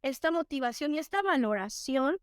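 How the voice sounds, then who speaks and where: A woman's voice: sits high, animated, normal speed, no room sound, studio quality. A Mexican woman in her thirties, a teacher and interview guest, telling stories reflectively with many fillers and restarts.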